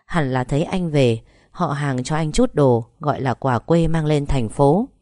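A woman reading a family drama story as narration, steady and even. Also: low-pitched, a little slow, dry recording, studio quality. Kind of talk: scripted narration.

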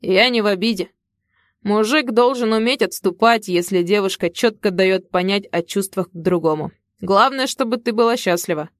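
A woman voicing a young male coach who speaks calmly and reassuringly. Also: medium pitch, moderate pace, no room sound, studio quality, close to an everyday voice. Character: easygoing young male coach, gentle friend.

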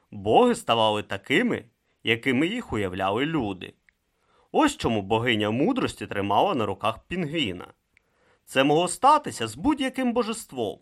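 An audiobook narrator reading with dramatic, expressive delivery. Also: medium pitch.

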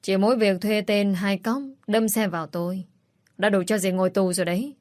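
A woman's voice: mid-range voice, flat delivery, brisk, darkish tone, no echo, studio quality, close to an everyday voice. A woman voicing a determined young man who confronts his stepmother in a cold, accusing tone in a read-aloud story.

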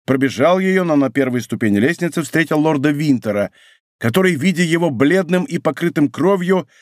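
A man reads an adventure audiobook with a higher-than-usual voice and a lively, wide-ranging intonation. The studio sound is dry and close, and his dramatic reading pushes the story forward. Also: brisk, no echo. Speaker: audiobook narrator. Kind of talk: scripted audiobook narration. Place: recording studio.

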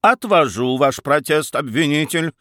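A man's voice: on the high side, animated, a little slow, fairly bright tone, no room sound, clean studio sound. A man voicing a stern, authoritative judge who hands down firm rulings in a dramatic story reading. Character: stern male judge presiding over a trial.

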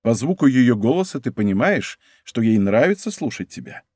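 A man's voice: medium pitch, big pitch swings, normal speed, a little mellow, dry recording, clean studio sound. A man voicing a scheming, hot-tempered young nobleman in an audiobook, with a raised, taunting delivery. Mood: sly. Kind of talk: audiobook character voice.

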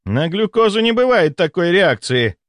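A man's voice: high voice, very animated, normal speed, fairly bright tone, no echo, studio quality, pitched above the performer's own voice. A man reading aloud, voicing an arrogant, flustered male doctor who snaps in outbursts. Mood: baffled.

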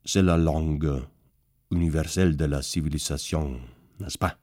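Man doing suave Ottoman gentleman, courteous, deep voice, slow measured delivery, dry recording. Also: no echo. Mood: nonchalant.

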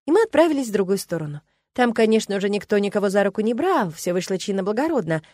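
A woman narrating a first-person story for an audiobook in an even, measured way. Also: mid-range voice, no room sound, clean studio sound.

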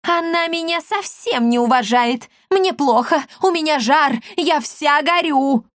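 A woman's voice: high voice, unhurried, fairly bright tone, no room sound, studio quality, pitched above the performer's own voice. A woman voicing a tiny, spiteful old woman who screeches and scolds everyone about her diet. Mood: hysterical.

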